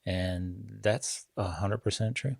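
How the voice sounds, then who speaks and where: A man from Scotland co-hosting a podcast in casual chat, relaxed, with short agreeing replies. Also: fairly low pitch, slow, vocal fry, breathy edge, dry recording, studio quality. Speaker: podcast co-host.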